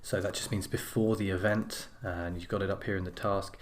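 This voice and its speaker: A man's voice: low voice, fairly even intonation, a little fast. A man teaching an English writing lesson, talking through each step as he writes out an example. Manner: explains step by step while writing on screen.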